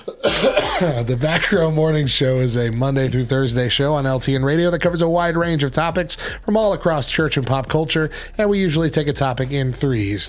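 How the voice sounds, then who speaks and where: A man with a gravelly, hoarse whiskey voice, recovering from bronchitis, chatting casually as the host of a morning radio show. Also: fairly high pitch.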